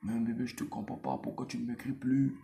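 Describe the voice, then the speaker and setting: A man's voice: mid-range voice, a little fast, creaky, warm tone, slight background noise, close to an everyday voice. A man voicing a clingy young girlfriend who pleads and complains that he never writes back. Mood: pleading, whiny.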